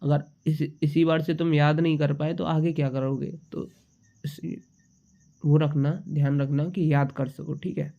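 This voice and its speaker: A man's voice: on the high side, little pitch movement, measured pace, creaky. A young man with a slight cold, patiently teaching shorthand in a casual tutorial and repeating each symbol as he writes it. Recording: dull lo-fi sound.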